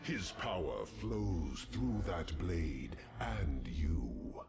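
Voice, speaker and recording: A menacing demon dark lord in a video game, with a very low, gravelly voice. He taunts slowly and sinisterly, his pitch swooping dramatically over music. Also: very animated, noisy background, exaggerated voice. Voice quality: deep, gravelly. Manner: dark lord villain, slow taunting delivery. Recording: loud game music behind.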